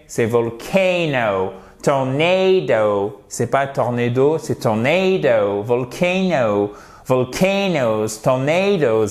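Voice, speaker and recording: A man teaching English grammar in a video lesson, explaining patiently and repeating example words slowly. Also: mid-range voice, a little mellow.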